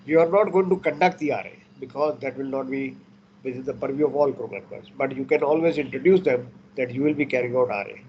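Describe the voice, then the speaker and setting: A man's voice: mid-range voice, very slow, highs cut off, slight background noise. A man teaching an online class for merchant navy exams, mixing Hindi and English and repeating key points for emphasis. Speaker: merchant navy exam instructor.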